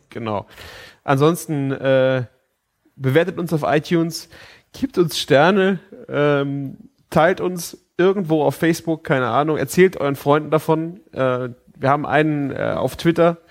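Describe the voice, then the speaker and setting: A man's voice: fairly high pitch, measured pace. Sleepy man with a morning voice. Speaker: podcast co-host. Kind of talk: casual chat.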